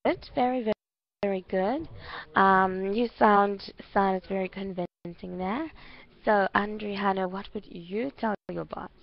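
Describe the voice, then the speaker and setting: A woman's voice: medium pitch, measured pace, creaky. A woman teacher giving encouraging spoken feedback in an English lesson, often checking in with "okay?". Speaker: language teacher. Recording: muffled lo-fi online call audio.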